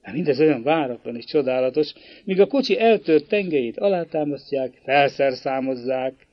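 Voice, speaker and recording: A man narrating a classic novel as an audiobook in an expressive, dramatic reading style. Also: medium pitch, no room sound, highs cut off.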